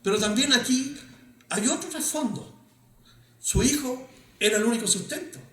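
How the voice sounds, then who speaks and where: High-voiced preacher in an echoey church. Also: male voice, lively intonation, normal speed, fairly bright tone, distant mic. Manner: conversational preaching, asks the congregation questions, frequent restarts. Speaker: pastor. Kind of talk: sermon. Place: church hall.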